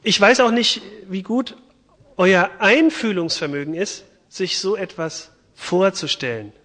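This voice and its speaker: A man giving a sermon, retelling and reading a Bible passage in a chatty, lively way. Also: high voice, unhurried, long reverb tail. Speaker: preacher. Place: church.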